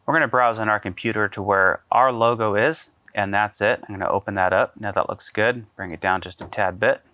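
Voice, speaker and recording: A man giving a casual step-by-step software tutorial, talking through each click with frequent ums and uhs. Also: on the low side, a little fast, no echo. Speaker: AV integrator demonstrating software. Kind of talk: screen-recorded software tutorial.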